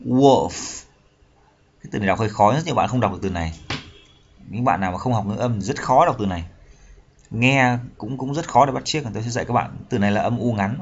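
A man teaching English vocabulary in Vietnamese, with a Vietnamese accent, reading English lines slowly and repeating words to drill pronunciation. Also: on the low side, dull audio. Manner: reads English slowly then explains in Vietnamese. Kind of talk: bilingual vocabulary lesson.

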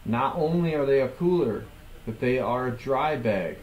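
A man's voice: medium pitch, animated, normal speed, echoey room, lo-fi sound, slight background noise. A man in his forties hosting his own show, talking casually to camera with lots of ums and restarts, on a headset mic. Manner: rambling, many ums and restarts. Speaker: podcast host. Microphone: headset with boom mic.

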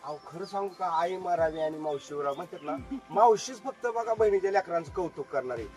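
A man's voice: high voice, expressive, a little fast, soft background music. A middle-aged man, performing as a magician and keeping up joking stage patter and crowd banter outdoors. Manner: joking showman who keeps calling for loud applause. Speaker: magician performing for a tour group. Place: outdoors at an agro-tourism farm.

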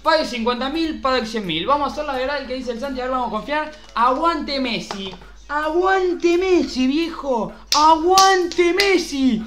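A young man with an Argentine Rioplatense accent, commentating his own pack openings in a football game, excitable and swearing as he begs the game for luck. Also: extremely high pitch, a little fast, hardly any pauses. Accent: Argentine Rioplatense Spanish. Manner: excitable, swearing, pleading with the game, outbursts of yelling. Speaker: gaming streamer. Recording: roomy echo.

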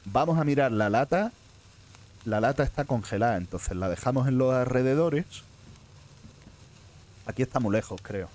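A man's voice: medium pitch, expressive, moderate pace, pauses often, darkish tone. A man with a Spain Spanish accent giving live gameplay commentary as a streamer, muttering to himself and swearing often.

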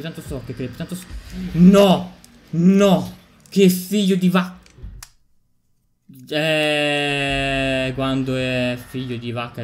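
A man giving excitable racing game commentary, repeating phrases and swearing as he plays. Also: mid-range voice. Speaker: gameplay streamer.

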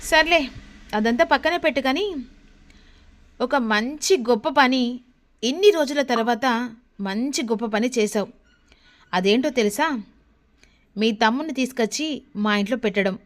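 A woman's voice: fairly high pitch, unhurried, pauses often, lightly acted. Brief: young husband, cutting and preachy, voiced by a woman narrator. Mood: lecturing. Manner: lecturing, cutting. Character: stern young husband lecturing his wife.

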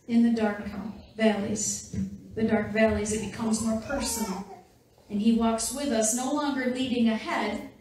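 A woman's voice: a little high, a little hiss or hum. Woman pastor preaching in an echoey hall. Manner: conversational and playful, addressing the congregation directly. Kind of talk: sermon. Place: church sanctuary. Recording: very echoey, distant church hall recording.

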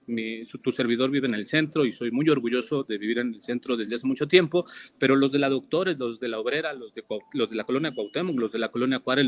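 Measured man, interview guest. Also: mid-range voice. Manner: measured, listing, repeats himself. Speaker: interview guest, former local official. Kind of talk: interview answers.

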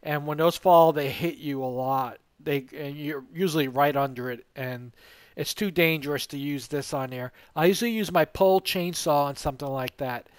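A man's voice: on the high side, normal speed, clear, resonant tone, no echo. A man giving a casual, rambling tool review outdoors in a yard, talking plainly about how it works.

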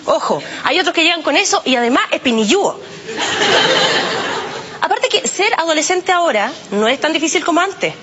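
Chilean woman comic, very high voice, slangy and self-mocking, muffled noisy live recording. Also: big pitch swings, normal speed. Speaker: stand-up comedian. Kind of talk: stand-up comedy routine.

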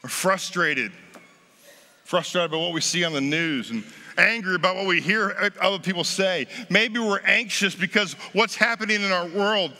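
Emphatic American pastor in a big sanctuary. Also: male voice, high-pitched, normal speed, sharp tone. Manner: emphatic, swelling and dropping for effect, gesturing. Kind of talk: Easter sermon. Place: large dark church stage at a lectern. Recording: long reverb of a large sanctuary.

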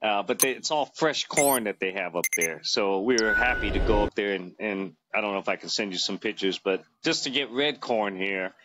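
Recorded close-up on a phone in a small room, a man in his fifties chats casually as an interview guest, rambling and restarting often amid many fillers. His fairly low voice is animated and a bit bright, moving at a moderate pace with few pauses. Slight background noise is present.

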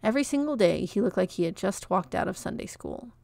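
A woman narrating a children's novel in a clear, expressive read-aloud. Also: mid-range voice, brisk, dry recording.

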